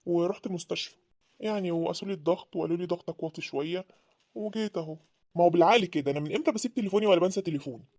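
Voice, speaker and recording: A woman's voice: on the low side, a little mellow, dry recording, studio quality. A woman voicing an evasive, defensive middle-aged husband in an Egyptian cartoon, speaking with an Egyptian accent. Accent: Egyptian Arabic. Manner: dismissive, quick to bristle. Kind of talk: cartoon voice acting.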